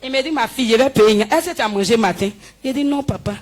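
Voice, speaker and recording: A woman giving a spoken healing testimony in church, telling her story with lively, acted-out dialogue. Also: a little high, quick pace. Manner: animated storytelling, acting out dialogue with the pastor. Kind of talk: spoken testimony before a congregation.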